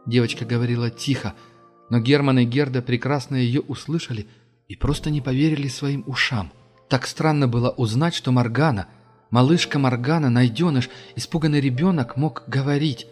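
A male narrator reads a novel at a measured, steady pace with a medium-pitched voice. A faint music bed sits underneath the narration throughout. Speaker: audiobook narrator. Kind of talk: scripted narration.

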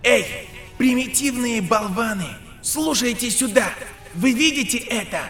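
A man's voice: high voice, fairly even intonation, normal speed, fairly bright tone, soft background music, pitched above the performer's own voice. A man reading an audiobook voices a bold, defiant young boy wizard who hurls brash taunts. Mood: taunting.

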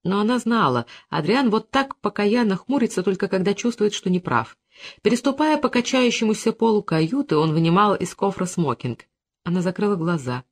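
An audiobook narrator reading a literary novel in an even, measured storytelling manner. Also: mid-range voice.

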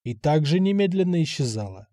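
Man reading a novel, measured and mellow. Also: fairly high pitch, very animated, no room sound, clean studio sound. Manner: measured, unhurried storytelling. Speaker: audiobook narrator.

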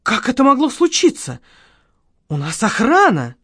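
A woman voicing a soft-spoken, ingratiating male store director who speaks smoothly and deferentially. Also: fairly low pitch, very animated, measured pace, no echo, studio quality. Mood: placating.

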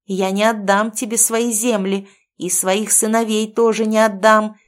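A woman's voice: a little high, big pitch swings, a little slow, voice pushed up. A woman reading an audiobook voices a grim, vengeful middle-aged woman who leads a cult, speaking with menace and hissed anger. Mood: hissing. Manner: menacing, hissing through clenched anger. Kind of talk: audiobook character voice.

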